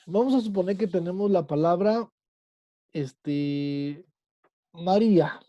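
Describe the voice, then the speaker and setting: A patient teacher leads an online class, slowing and stretching words to explain. His voice is very dark and mellow, recorded dry and close on a computer mic. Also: sits high, no echo, dull audio.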